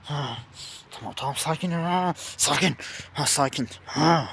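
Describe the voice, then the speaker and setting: A man acting out a homemade drama, frantically calling out and then calming himself in hushed tones. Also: fairly high pitch, unhurried, creaky, slight background noise. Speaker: YouTube series creator playing himself as an agent.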